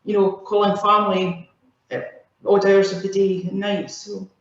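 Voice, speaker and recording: A woman's voice: mid-range voice, little pitch movement, moderate pace. A woman speaking as an occupational therapist over a video call, explaining plainly and listing examples. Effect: heard over a video call. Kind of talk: casual explanatory talk. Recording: muffled, very echoey video call audio.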